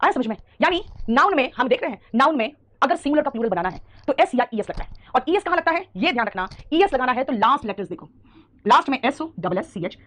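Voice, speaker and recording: A woman's voice: high-pitched, very animated, fast, a bit bright. A woman teaching a live online English grammar class, who calls her students "beta" and keeps asking whether they have understood. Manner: addresses students as "beta", repeats questions to check understanding.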